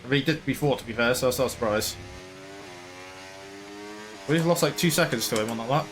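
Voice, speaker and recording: Over music, a gaming YouTuber with a mid-range voice casually narrates his racing game session at a slightly fast clip. He's chatty and wandering, occasionally putting on a pretend sportscaster act.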